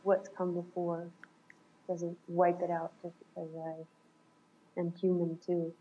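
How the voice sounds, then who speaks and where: A woman's voice: on the low side, completely flat delivery, takes it slowly, narrow, tinny audio, slight background noise. A woman on a reflective coaching call, talking thoughtfully and searching for words, laughing often. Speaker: coaching client.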